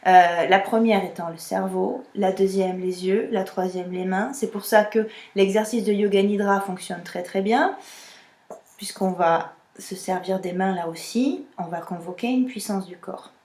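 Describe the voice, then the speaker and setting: A woman's voice: medium pitch, measured pace, a little mellow, reverberant. A woman singing teacher explaining a vocal technique exercise and demonstrating vowel sounds with her own voice.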